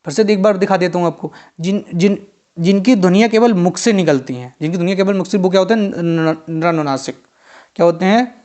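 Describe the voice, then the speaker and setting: A male teacher running an exam-prep grammar lesson, drilling students with quick repeated questions and answers. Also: high voice, a little mellow. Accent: Hindi-belt Indian.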